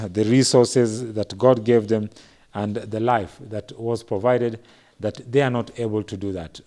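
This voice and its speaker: A man with a Kenyan English accent hosting a studio talk show, measured and searching in his phrasing. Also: mid-range voice, a little mellow.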